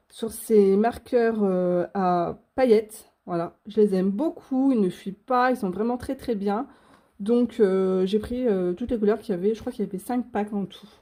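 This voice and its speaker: A young woman chats through an unboxing of coloring supplies, gushing over each item with plenty of fillers. Her voice sits a bit high and sounds soft and mellow. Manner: chatty and gushing, many fillers. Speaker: coloring channel host. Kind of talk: casual unboxing chat.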